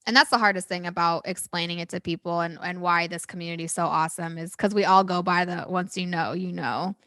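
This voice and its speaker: Outspoken woman with a creaky voice. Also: fairly low pitch, steady tone, quick pace, bright, forceful tone, dry recording. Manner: emphatic, outspoken, punctuates talk with "like". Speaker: podcast host. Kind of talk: casual podcast chat.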